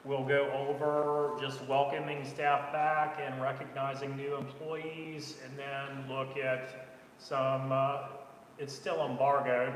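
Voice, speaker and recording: Man reporting to a school board. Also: mid-range voice. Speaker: school superintendent. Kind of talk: reporting at a public board meeting. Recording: echoey room with long reverb, faint noise.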